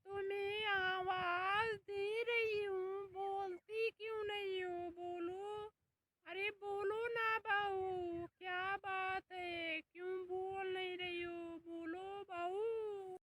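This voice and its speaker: A woman's voice: steady tone, very slow, noisy background, full character voice. A woman voicing a quarrelsome old mother-in-law in a comic cartoon, scolding in a whiny, wailing voice. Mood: nagging. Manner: scolding, shrill.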